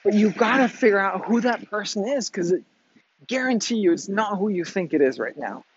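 A man's voice: sits high, animated, a little fast, husky. Blunt, cursing man with a dull, lo-fi sound. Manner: blunt and profane, tags points with "right?". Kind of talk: motivational monologue to viewers. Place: outdoors in the wind.

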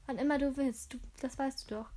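A woman voicing a dignified middle-aged mother and businesswoman who speaks with composure and gentle admonishment, in an audiobook reading. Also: high-pitched, steady tone, brisk. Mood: fond.

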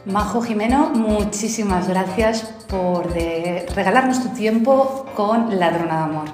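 A woman's voice: medium pitch, a little slow, darkish tone. Podcast host woman, echoey room. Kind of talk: podcast interview. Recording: echoey room with faint music.

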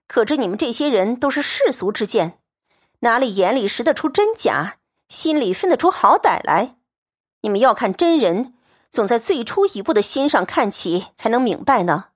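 A woman's voice: a little high, very animated, normal speed, husky. A woman voicing a cold, aloof young noble girl who speaks with scorn. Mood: cold scornful. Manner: scornful, lecturing.

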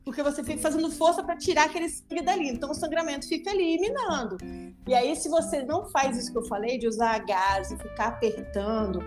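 A woman's voice: high-pitched, fast, over music. A woman, a dentist hosting a podcast, patiently explains aftercare, often checking in with her listener.

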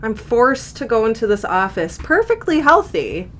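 A woman's voice: fairly high pitch, very animated, normal speed, a bit bright, a little hiss or hum. A young adult woman co-hosting a podcast in casual, candid chat, laughing often. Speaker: podcast co-host.

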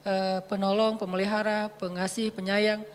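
Woman voicing gentle, soft-spoken young prophet. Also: mid-range voice, flat delivery, normal speed, big-room sound, lightly acted. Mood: pleading prayer. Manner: soft, polite, prayerful. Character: humble gentle young male prophet Musa.

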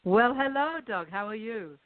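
A British woman who owns a venue phones in to a radio show as a guest, chatting upbeat and thinking aloud. Her voice is on the high side and expressive at a moderate pace. The recording is dry, over a tinny phone line.

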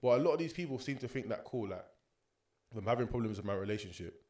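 A man's voice: medium pitch, animated, fast, a little mellow. A young man with a London roadman accent chatting casually as a podcast co-host, slangy and opinionated. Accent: London, urban roadman slang. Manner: slangy, opinionated, frequent tag questions like a street talker. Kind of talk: casual chat.

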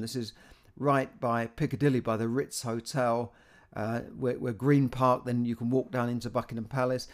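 A British man talking casually about current economic news, stumbling through frequent restarts and repeated words. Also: mid-range voice. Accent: British English. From Britain.

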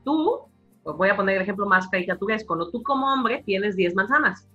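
A Mexican woman with a Mexican accent, an academic guest explaining her views in a lively conversational interview. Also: medium pitch, fairly quick, husky, dull audio, soft background music. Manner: animated explainer, acting out quoted voices.

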